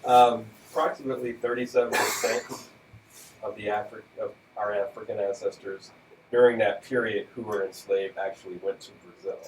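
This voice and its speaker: A man's voice: fairly low pitch, moderate pace, roomy sound, distant mic, slight background noise, rough recording. A man co-hosting a radio talk show, casually presenting facts with fillers and light chuckles. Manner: relaxed, fact-reciting with fillers and light chuckles.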